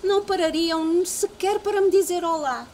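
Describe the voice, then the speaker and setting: A woman with a European Portuguese accent voicing a young male caterpillar in a storybook reading, with high, pleading cries. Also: normal speed, darkish tone, a little hiss or hum. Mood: musing. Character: young male caterpillar who roars like a lion.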